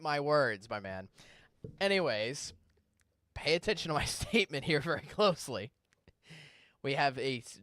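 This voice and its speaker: Man, TV weathercaster, energetic and chatty, dry close sound. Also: medium pitch, no room sound. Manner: energetic, conversational, stresses key words. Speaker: TV meteorologist. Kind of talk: weather forecast delivery. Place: TV studio.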